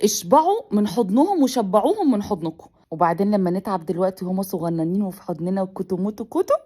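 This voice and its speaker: A woman's voice: medium pitch, mellow. A mother with an Egyptian accent vlogging, tearful and pleading, crying on and off as she talks. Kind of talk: emotional personal vlog.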